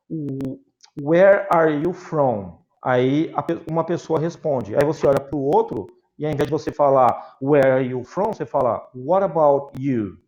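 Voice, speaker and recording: A man's voice: medium pitch, a little mellow, dull audio. Brazilian man teaching English online. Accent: Brazilian Portuguese. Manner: explains patiently with examples. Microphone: video call.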